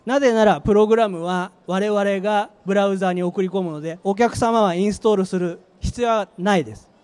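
A middle-aged company manager gives a live trade-show product presentation with slides on an exhibition stage, speaking short, emphatic phrases into a handheld mic. His high voice has a darkish, clean tone, and he talks a little fast.

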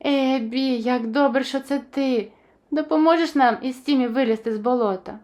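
Жінка озвучує боязкого, обережного маленького динозаврика-хлопчика з казки, говорить стурбовано й нерішуче. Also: female voice, high-pitched, moderate pace, darkish tone, lightly acted. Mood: worried. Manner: worried, hesitant. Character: timid cautious little boy dinosaur.

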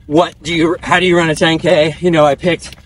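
A man in his twenties chatting casually in breathy short phrases as he runs outdoors while being interviewed. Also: a little high, level tone, fairly quick. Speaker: professional distance runner being interviewed. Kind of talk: casual chat while running. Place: outdoors on a dirt country road, on the move.

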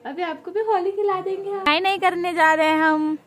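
A young woman talking to her baby son in loud, high, sing-song baby talk. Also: steady tone, a little fast. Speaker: mother.

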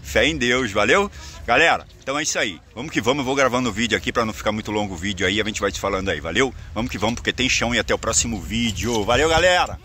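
A man's voice: on the low side, racing, pushed and bright. A Brazilian man in his forties, vlogging to his phone outdoors by a rail yard, chatty and upbeat, repeating phrases as he talks to his viewers. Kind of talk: casual travel vlog to camera. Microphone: phone held at arm's length. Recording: noisy outdoor phone recording. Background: outdoor ambience and vehicles.

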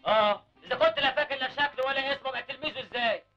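An actor with an Egyptian Arabic accent playing an indignant, proud man who scolds loudly in an old film comedy. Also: extremely high pitch. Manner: loud, rapid, indignant scolding. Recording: dull old film soundtrack with music.

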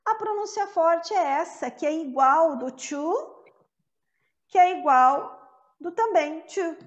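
A woman teaching an English pronunciation lesson, patiently saying each word slowly and more than once to model the sounds. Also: extremely high pitch, lively intonation, dull audio. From Brazil.

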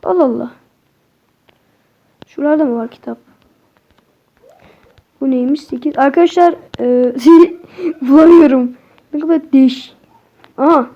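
Casting: young woman gaming streamer, high voice, excitable, chatty, slightly muffled mic. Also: a little slow, pauses often. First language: Turkish. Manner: excitable, talks to viewers, swears at the game. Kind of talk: casual horror game commentary.

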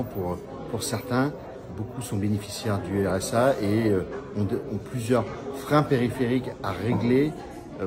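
Middle-aged male agency rep, formal and halting, mid-pitched, phone-recorded in a busy chamber. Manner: formal, hesitant with fillers. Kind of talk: formal interview statement. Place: large council chamber indoors. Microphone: phone camera held close. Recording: crowd chatter in a hall.

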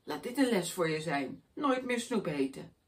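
A woman voicing a grumpy, greedy male schoolteacher who hates children, boastful and scornful, in a high, loud voice. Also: lively intonation, normal speed, natural voice.

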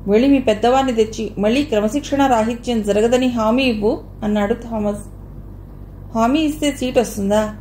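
A woman's voice: on the high side, moderate pace, dark tone, roomy sound, slight background noise. A woman reading a novel aloud as an audiobook narrator, with light changes of voice for each character's dialogue.

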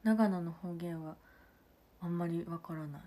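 A woman's voice: fairly low pitch, normal speed, dark tone. A young woman from Nagano chatting casually on a livestream and thanking viewers for their comments between stories. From Nagano, Japan. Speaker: idol livestream host.

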